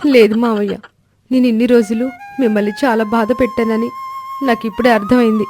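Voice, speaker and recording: Brief: theatrical young daughter-in-law, voiced by a woman, high and showy, animated story. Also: fairly quick, faint music behind, close to an everyday voice. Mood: tearful. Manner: tearful pleading then showy and boastful. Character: young daughter-in-law, dramatic aspiring actress.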